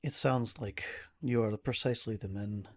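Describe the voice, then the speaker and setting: A tired, stressed young nobleman in a fantasy tabletop game, speaking in formal, halting, old-fashioned phrases, as a game master puts him on. The voice sits low and husky. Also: natural voice. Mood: worried. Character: weary young nobleman, grieving son of a town leader.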